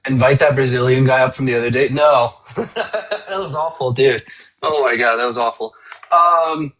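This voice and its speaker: A man's voice: medium pitch, normal speed. Laid-back man hosting a livestream. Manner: relaxed, laid-back, filler-heavy. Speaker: livestream host. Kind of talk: casual livestream chat.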